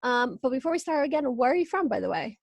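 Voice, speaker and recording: A woman's voice: sits high, sing-song, fast talker, gravelly, dry recording. A woman from Venezuela hosting a podcast interview, bubbly and laughing often in casual chat. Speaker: podcast host.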